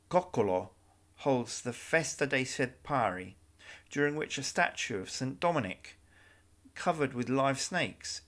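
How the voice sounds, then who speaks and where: Male narrator for a travel guide video, measured delivery with wry asides, mid-range voice. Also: mid-range voice, fairly bright tone.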